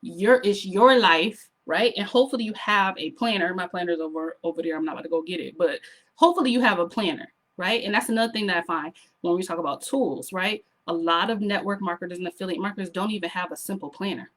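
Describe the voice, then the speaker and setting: A woman coaches her online audience in a sassy, animated way. Her voice is slightly hoarse, and she keeps up a lively, motivational tone. She often stops to ask the viewer to drop a comment. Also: lowish voice, fast talker. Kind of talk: motivational vlog talk to camera.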